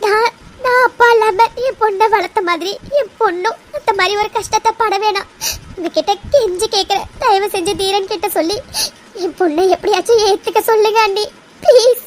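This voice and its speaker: A woman's voice: extremely high pitch, fairly quick, a little hiss or hum. A woman doing a sobbing, begging mother. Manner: sobbing, imploring. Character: desperate mother begging for her daughter. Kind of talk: cartoon voice acting.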